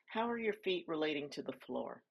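A woman leading a guided body scan meditation, giving soft, calm instructions with pauses between phrases. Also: sits low, creaky, slightly rough, rough recording.

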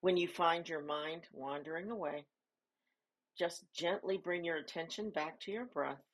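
A woman leading a guided body scan meditation, giving soft, calm instructions with pauses between phrases. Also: on the low side.

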